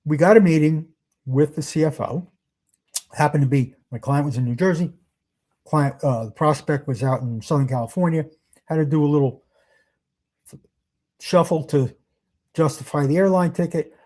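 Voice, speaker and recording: A man's voice: on the high side, mellow. A man leading a sales workshop in a conversational, emphatic way, asking his listeners rhetorical questions. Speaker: sales trainer. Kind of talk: workshop presentation.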